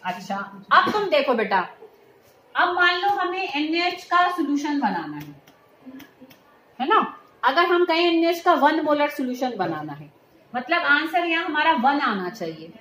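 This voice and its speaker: High-voiced woman teacher in an echoey lab. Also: sing-song, unhurried, a bit bright. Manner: patient, keeps checking students follow. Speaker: chemistry teacher. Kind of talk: hands-on lab demonstration. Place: school chemistry lab. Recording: roomy echo.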